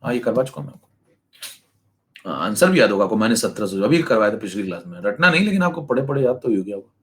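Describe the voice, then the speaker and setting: A young male chemistry teacher giving an online class lecture, brisk and teasing, now and then mimicking slow students. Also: mid-range voice, expressive, fairly bright tone. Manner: brisk, teasing, acts out lazy students in asides.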